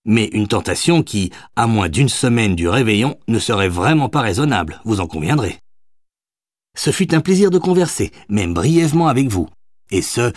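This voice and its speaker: A man's voice: lowish voice, dry recording, clean studio sound. A man voicing a tipsy, teasing young Parisian woman in an audiobook, speaking in a playful, mock-formal way.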